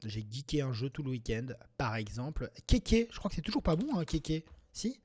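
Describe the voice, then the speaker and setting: A man's voice: medium pitch, a little fast, breathy edge. Man muttering through his Scrabble moves. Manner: mutters word tries half to himself, with sudden excited outbursts. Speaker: Scrabble player commenting on his game. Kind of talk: thinking aloud while playing.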